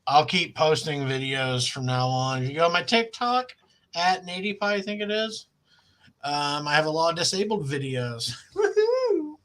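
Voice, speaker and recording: A man's voice: a little high, expressive, normal speed, a bit bright. A middle-aged man with a Wisconsin accent, co-hosting a crude, joking comedy chat on a video call and laughing often. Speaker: podcast co-host.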